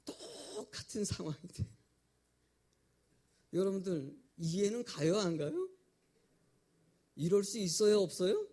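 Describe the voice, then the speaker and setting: A man's voice: sits high, a little slow, pauses often. A male pastor preaching a sermon and telling stories, often asking the congregation questions. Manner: animated storytelling, asks the congregation questions.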